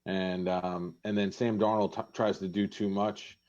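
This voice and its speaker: A man with a fairly low voice talks sports hesitantly, with halting starts. He comes through on a dull, lo-fi recording that takes the top off his voice. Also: flat delivery, darkish tone. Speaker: podcast co-host. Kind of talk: casual sports chat. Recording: dull, lo-fi sound.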